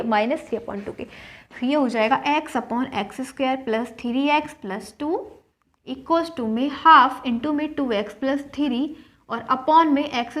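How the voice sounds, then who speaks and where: A young woman teaching a maths lesson, explaining slowly, repeating each step and checking in with her students. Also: sits high.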